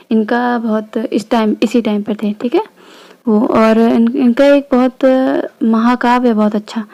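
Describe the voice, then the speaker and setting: A woman's voice: fairly high pitch, warm tone, muffled recording. A woman from India teaching a history lesson in a casual, chatty way, often stopping to check in with her listeners. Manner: chatty, frequent "theek hai" check-ins.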